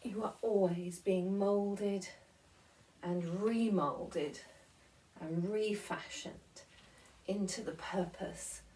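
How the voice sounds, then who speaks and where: Woman doing a gentle guided meditation, really slow, mellow voice, mic a bit far off. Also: medium pitch, slight background noise. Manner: gentle, soothing, unhurried instruction with pauses. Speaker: guided relaxation and devotional movement leader.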